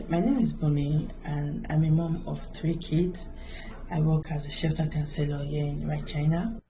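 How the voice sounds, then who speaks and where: A woman's voice: deep voice, flat delivery, normal speed, a crowd in the background. A woman, a mother, giving a personal testimonial and searching for her words. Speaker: mom sharing a testimonial. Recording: noisy background ambience.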